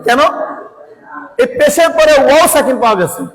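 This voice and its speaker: A man's voice: extremely high pitch, a little fast, big-room sound, rough recording. A man teaching Quran reading, asking questions and answering them himself, repeating each point. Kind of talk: classroom-style lesson.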